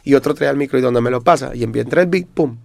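Mexican rapper guest, gravelly voice, dry close sound, lively storyteller. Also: male voice, medium pitch, very fast, dry recording. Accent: Mexican Spanish. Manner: animated retelling with acted-out quotes. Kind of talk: casual storytelling interview.

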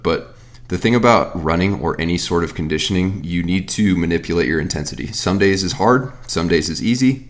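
A man in his thirties, a fitness coach and podcast host, giving casual, rambling Q&A advice with frequent restarts. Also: low voice. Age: 30s.

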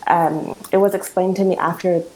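A woman from Canada sharing a personal memory in a reflective, measured way during a panel discussion. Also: fairly low pitch, fairly even intonation, darkish tone, low-quality recording. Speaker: panel participant.

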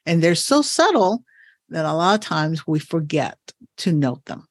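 Low-voiced woman hosting a reflective podcast. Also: big pitch swings, moderate pace, no room sound, clean studio sound. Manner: thoughtful, warm and encouraging, laughs often. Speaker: podcast host and coach.

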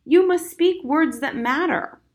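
A woman's voice: high-pitched, a little slow, darkish tone, voice pushed up. Woman doing an earnest pleading man.

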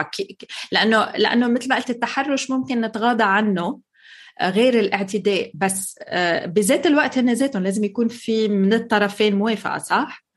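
A woman with a Levantine Arabic accent who hosts a show, reading a scripted introduction and then asking a guest clear, earnest questions. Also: mid-range voice. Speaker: host.

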